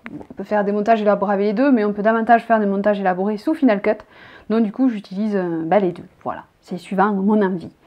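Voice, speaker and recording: A vlogger in her thirties from the south of France, speaking with a southern French accent, sits in her bedroom reading each tag question aloud and chatting in a rambling way. Her mid-range voice is steady and fast, and the audio is dull.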